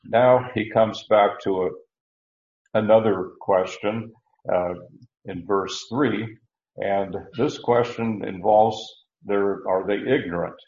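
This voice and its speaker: A man teaching verse by verse through a Bible passage, unhurried, with many fillers and restarts. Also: on the low side, fairly even intonation, a little mellow. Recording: roomy, dull lo-fi recording.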